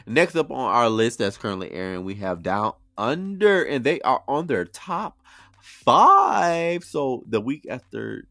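Guy co-hosting a podcast, super animated up and down, slangy, no room echo. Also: mid-range voice, unhurried, gravelly, clean studio sound. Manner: drag slang, emphatic repetition. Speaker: podcast co-host. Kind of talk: casual chat about drag reality TV.

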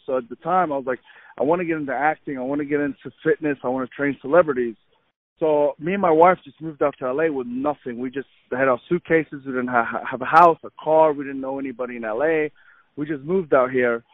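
A man's voice: medium pitch, dry recording. Eager man on a tinny phone line. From Egypt. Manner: eager, animated storytelling with many fillers. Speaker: podcast guest, fitness trainer. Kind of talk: casual interview chat.

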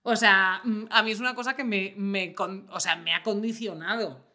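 Bright, lively young woman. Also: mid-range voice, normal speed. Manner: animated storyteller, acts out her own panic. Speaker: podcast host. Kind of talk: casual chat.

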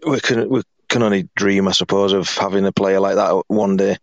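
A man with a hoarse, croaky frog-in-the-throat voice, hosting a casual sports podcast. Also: low voice, fairly even intonation, brisk, dry recording, dull audio. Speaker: podcast host.

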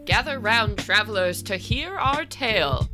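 A woman voicing a storytelling bard in a grand, rhythmic, drawn-out delivery for a theatrical fantasy podcast promo. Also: medium pitch, lively intonation, close to an everyday voice. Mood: grand, inviting. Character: storytelling bard calling travelers to a tale. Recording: music bed with guitar.

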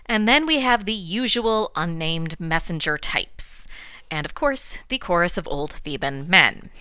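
Bright-voiced woman hosting a classics podcast. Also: on the low side, expressive, measured pace, clear, resonant tone, no echo. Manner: wry, dry asides. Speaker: podcast host teaching classics. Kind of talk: scripted podcast lecture.

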